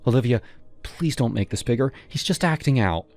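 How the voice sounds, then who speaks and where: A man's voice: mid-range voice, animated, brisk, a little mellow, soft background music, pitched above the performer's own voice, close to an everyday voice. A man voicing a tired, apologetic middle-aged woman who works as a nurse, speaking in a pleading way. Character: weary soft-spoken middle-aged woman, nurse and mother.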